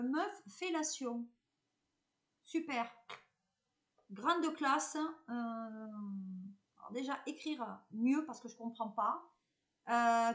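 A woman's voice: sits high, fairly bright tone. A woman with a southern French accent, giving a live card reading as a medium, chatty and reassuring, hesitating often.

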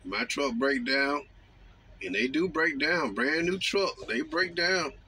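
A man talking casually from his parked truck cab, drawling and mocking with slow, emphatic phrases, recorded on a phone on the dashboard. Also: a little high, animated, sharp tone, a little hiss or hum. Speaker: truck driver vlogger. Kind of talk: casual monologue.

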